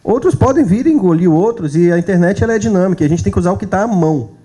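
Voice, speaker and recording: A man's voice: sits high, expressive, racing, mellow. A man with a Brazilian accent giving a church workshop lecture to a live audience, speaking in a conversational way and often checking in with his listeners. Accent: Brazilian Portuguese.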